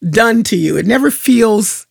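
A woman's voice: fairly high pitch, expressive, unhurried, vocal fry, husky, dry recording, clean studio sound. A woman interviewing guests in a conversational, questioning manner. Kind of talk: broadcast interview.

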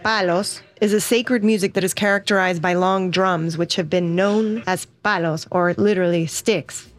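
A woman's voice: on the low side, fairly even intonation, normal speed. A woman in her thirties narrating a documentary as host, in a reflective, earnest storytelling way. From United States.

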